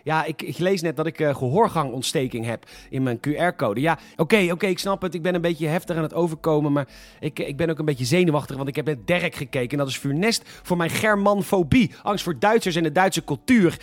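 On a scripted satirical news show, a male host delivers sarcastic, mock-indignant commentary that sometimes bursts into shouting. His voice is on the high side and his pace brisk.

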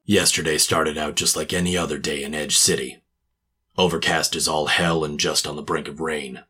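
A man's voice: extremely low pitch, level tone, normal speed, pushed and bright, husky, faint music behind, heavily acted. A man playing a cynical hard-boiled private detective, narrating and talking in a clipped, sardonic tough-guy manner in a noir radio drama. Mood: brooding.

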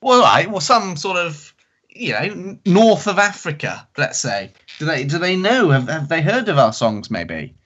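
A man telling a funny story in a rambling, self-mocking way, stumbling over his restarts. His voice is high, lively and bright, and the recording sounds dull and lo-fi. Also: a little slow. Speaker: podcast co-host. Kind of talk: casual comic storytelling.

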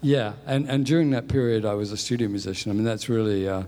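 A man's voice: fairly low pitch, fairly even intonation, fast talker, mellow, in a large hall. A man in his sixties, born in England and raised in New Zealand, talking about his career in a chatty, self-deprecating way as an interview guest. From born in England, grew up in New Zealand. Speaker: guest, music industry executive. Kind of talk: conversational interview.

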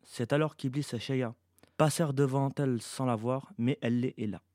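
A man, the author, reading his science-fiction novel aloud in an even, measured narration. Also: mid-range voice, dry recording, studio quality.

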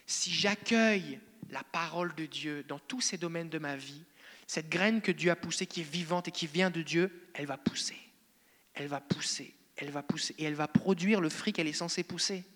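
A man's voice: a little high, normal speed, a bit bright. A male pastor with a French accent preaching a conversational, playful sermon to his congregation in a church hall. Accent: French (France).

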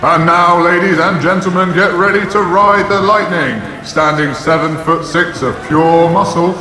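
An actor playing a bombastic fight announcer, grandiose and drawn-out, introducing in showy arena style. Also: male voice, on the high side, close to an everyday voice. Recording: echoing hall, crowd behind.

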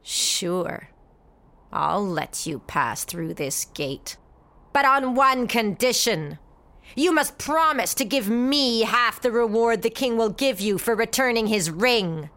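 A woman voicing a huge, menacing male gatekeeper in a told story, speaking slowly in a low threatening growl. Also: animated, fairly bright tone, full character voice.

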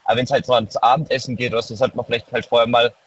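A man's voice: medium pitch, little pitch movement, racing, breathy edge. A nineteen-year-old man from near Heidelberg calling in over the phone, talking hesitantly with many filler words. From near Heidelberg, Germany. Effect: heard over a phone line. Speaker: caller. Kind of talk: casual call-in chat. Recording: muffled dry phone line.

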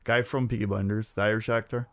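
A man's voice: on the low side, flat delivery, fast, no echo. A man co-hosting a podcast in casual chat, rambling and hunting for names and words. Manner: rambling, hesitant, searches for words. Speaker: podcast co-host.

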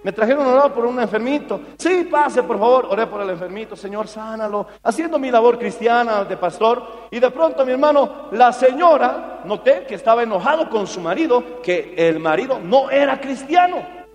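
A male pastor preaching a sermon in an animated storytelling way, acting out what people said. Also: extremely high pitch, fairly quick. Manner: animated storytelling, acts out quotes. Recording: reverberant hall with faint music.

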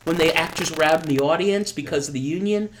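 A man's voice: fairly high pitch, fast, heavy background noise. A man in casual conversation with friends, rambling through his thoughts and often restarting his sentences. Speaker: film discussion panelist. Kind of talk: casual film discussion.

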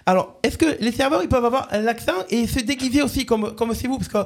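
A radio host doing a prank call, voicing a bumbling corporate communications manager who stammers and repeats himself. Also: male voice, very high-pitched, fast. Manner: stammering, hesitant, repeats words.

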